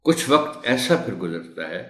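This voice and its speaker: A man's voice: medium pitch, big pitch swings, echoey room, soft background music. A man training teachers in a recorded tutorial, reciting a poem with careful rhythm and patiently explaining how words are pronounced.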